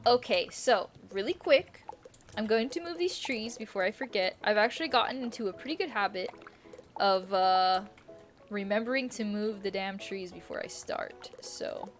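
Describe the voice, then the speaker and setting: At a moderate pace and medium pitch, a woman talks through a game on a live stream, rambling casually, second-guessing her choices, and repeating herself. Quiet music sits in the background.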